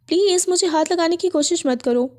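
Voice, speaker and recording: A woman voicing a cold, short-tempered young husband, talking curtly and dismissively in a high, mellow voice. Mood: harsh. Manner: curt, dismissive.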